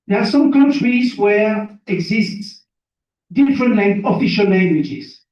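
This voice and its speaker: A Belgian man born in Burundi, a native French speaker with a French accent, is a seminar guest speaker telling his life story in a motivational talk, using simple English, repeating phrases for emphasis and questioning listeners. His high, darkish voice is animated and a little slow. The room is very echoey, with a distant, muffled mic.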